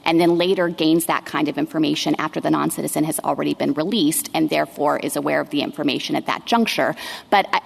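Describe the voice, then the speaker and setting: A woman arguing a case as a government lawyer, with a measured and precise delivery. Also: sits low, creaky, long reverb tail. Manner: measured, precise legal argument. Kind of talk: courtroom oral argument.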